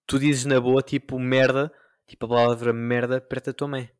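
A young man with a European Portuguese accent chatting casually on a podcast, telling stories with lively imitations and sudden loud outbursts. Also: mid-range voice, normal speed, clear, resonant tone, no echo, studio quality. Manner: animated storytelling, mimics voices, rising into outbursts. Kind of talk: casual chat.

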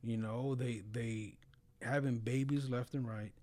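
A man's voice: medium pitch, steady tone, unhurried, darkish tone. A man talking casually and earnestly about religion in a blunt way, often peppering his speech with slang and filler phrases. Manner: blunt, earnest, frequent "bro" and "you know".

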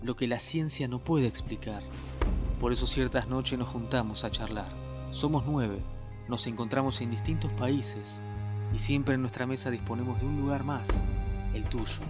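A man reading a scripted opening for a paranormal podcast in a measured, deliberate way. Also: mid-range voice, over music. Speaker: show announcer. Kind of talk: scripted narration intro.

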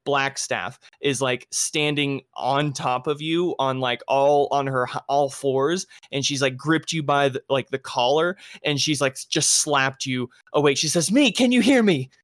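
A man's voice: mid-range voice, steady tone, a little slow, hardly any pauses, a bit bright, no room sound. A man narrating as game master of a tabletop game, rambling with fillers and restarts.

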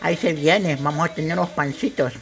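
A woman's voice: low voice, a little fast. A woman playing a loving old grandmother with a Salvadoran accent, fussing over her grandson and husband. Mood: doting. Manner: doting, calls everyone son and dear.

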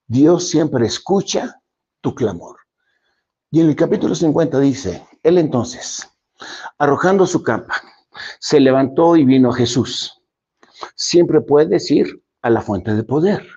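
A man's voice: expressive, takes it slowly, slightly rough. Dramatic man giving motivational speech. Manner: dramatic, swings between loud emphasis and soft low lines. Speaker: motivational speaker. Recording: dull lo-fi recording.

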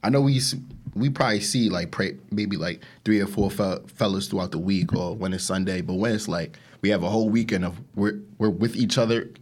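A man's voice: on the low side, fairly quick, darkish tone, breathy edge. A man hosting a podcast, chatting casually with friends in slangy, profane talk and repeating his phrases. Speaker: podcast host. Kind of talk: casual chat among friends.

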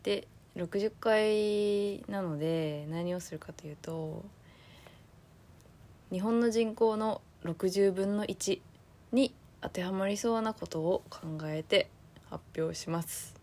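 A woman from Aomori with a Tsugaru accent, co-hosting a casual chat podcast in a relaxed, chatty way and laughing often. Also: medium pitch, slow. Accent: Tsugaru dialect. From Aomori, Japan. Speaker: podcast co-host.

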